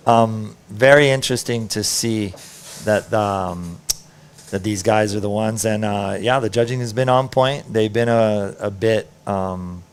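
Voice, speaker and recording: A man's voice: lowish voice, unhurried, a little hiss or hum. A middle-aged man giving conversational live commentary as a surf contest announcer.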